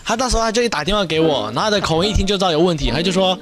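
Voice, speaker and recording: A man guest on a talk show telling an animated story and mimicking the voices of others. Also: high-pitched, very fast. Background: background music.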